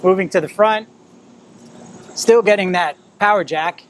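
Higher-voiced man giving a tour, background noise. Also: unhurried. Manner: explanatory, pointing things out while moving around. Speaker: presenter of a camper trailer tour. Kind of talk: informal walk-through product tour. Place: at an outdoor RV display, in and around a small trailer.

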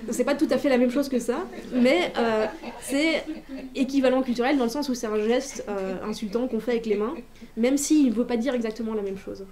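A woman's voice: on the high side, brisk, crowd noise. A woman gives an informal talk as an author presenting a workshop, chatty and hesitant, with frequent restarts and filler sounds. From Belgium.

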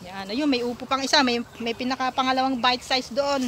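Fairly quick and fairly bright, with a high, steady voice, a thirtysomething vlogger films herself touring a rural farm on a handheld phone outdoors. She's giggly and talkative, calls her viewers "mga kablandi," and the arm's-length phone audio carries outdoor noise.

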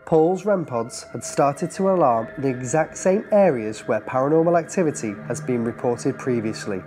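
A narrator reads scripted lines about paranormal activity in a measured, suspenseful way. The voice sits mid-range. Music plays clearly beneath it. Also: medium pitch, expressive. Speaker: documentary narrator.

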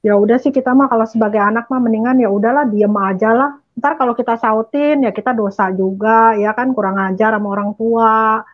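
A chatty woman hosts a relaxed interview, her voice sitting high and bright. She talks easily and laughs often, and the recording sounds a little dull and lo-fi. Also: a little fast. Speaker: host. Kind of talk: casual interview chat.

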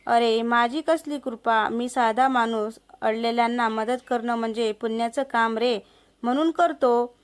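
A woman's voice: fairly high pitch, fairly even intonation, measured pace, clean tone, natural voice. A woman voicing a lecherous, threatening male village moneylender in a story. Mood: sly. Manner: threatening, coaxing. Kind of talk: storybook narration.

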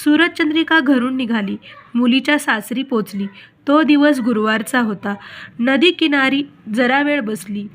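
Marathi lady telling a devotional story, calm steady narration, high voice. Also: measured pace.

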